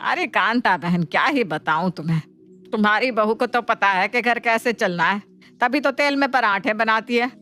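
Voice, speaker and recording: A woman's voice: a little high, animated, normal speed, bright, forceful tone. Woman voicing a whiny scheming mother-in-law. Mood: complaining. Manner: whiny, dramatic complaints. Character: middle-aged mother-in-law, scheming and complaining. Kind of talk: cartoon voice acting.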